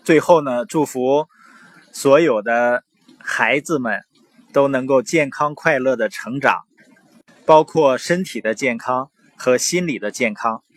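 A young adult man giving parenting advice in an earnest, conversational manner, with anecdotes and drawn-out particles. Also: mid-range voice. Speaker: parenting commentator. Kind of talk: informal talk with anecdotes and advice.

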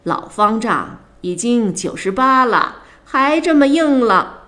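Woman doing a jovial rich old gentleman, boastful and hospitable, raised bright voice, radio storytelling. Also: on the high side, sing-song, slow, full character voice. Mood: hearty. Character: jovial showy wealthy old Manchu gentleman host.

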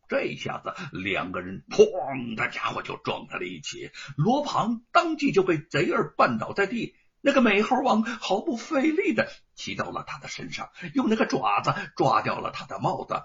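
A man telling a story in an animated, dramatic way. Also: high-pitched, gravelly, breathy edge. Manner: animated, acting out scenes. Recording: dull lo-fi recording.

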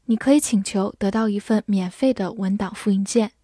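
A woman whose first language is Chinese teaches English vocabulary in a scripted lesson, spelling each word letter by letter and reading the example sentences slowly. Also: medium pitch, dark tone, breathy edge, no echo, studio quality.

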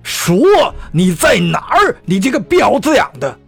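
A man's voice: a little high, big pitch swings, a little slow, slightly rough, heavily acted. A man voicing a cornered male executive who talks in tense, cursing outbursts, with faint music behind. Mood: angry.

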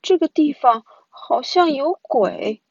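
A jumpy little boy, scared of every noise, as a woman puts him on. His voice climbs high and swings wildly as he frets. The recording is dull and lo-fi. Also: sing-song, normal speed, slightly rough, dry recording, exaggerated voice. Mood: fearful. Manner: scared, hushed and whining. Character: timid little boy, easily frightened.

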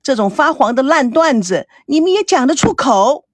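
A woman's voice: high-pitched, sing-song, moderate pace, no echo. A woman voicing an adult daughter who screams in frantic despair in a hospital room. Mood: indignant.

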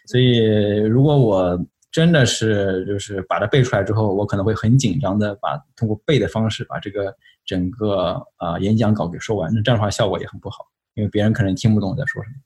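A man's voice: lowish voice, fast talker, a little mellow. A man from Shanghai, China, a guest on a podcast interview, reflecting at length in casual chat. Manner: reflective, explains at length with many fillers.

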